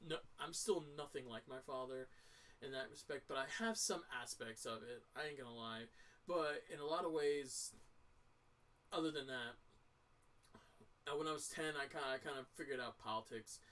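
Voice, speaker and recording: A man's voice: medium pitch, fairly bright tone, distant mic. A tired man in his thirties giving casual, rambling gaming commentary, stumbling and restarting often, with a dry throat. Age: 30s. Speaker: gaming let's-player.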